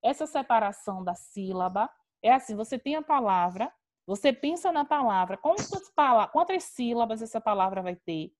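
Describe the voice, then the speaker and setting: A woman's voice: fairly high pitch, lively intonation, normal speed, a little mellow. A woman teacher with a Brazilian accent, patiently explaining grammar in an online class and repeating key terms.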